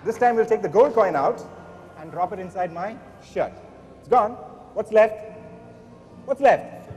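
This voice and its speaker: A man's voice: high-pitched, expressive, unhurried, a little mellow. A young man doing playful, showy stage magician patter like a kids party magician, instructing his audience. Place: large auditorium stage before an audience. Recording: echoey hall, long reverb, faint music.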